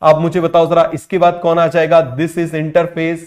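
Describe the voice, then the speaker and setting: A man's voice: on the high side, monotone, unhurried, darkish tone, dull audio. Man drilling students with repeated questions. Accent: Indian English terms within Hindi speech. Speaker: biology teacher. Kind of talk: exam-prep lecture.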